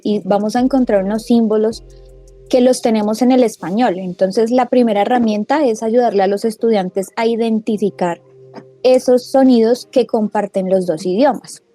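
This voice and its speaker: A woman with a fairly high, mellow voice, guesting on a radio interview. She explains pronunciation in a patient, teacherly way and sounds out example words as she goes. Soft music plays faintly underneath her. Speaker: language school co-founder, radio guest.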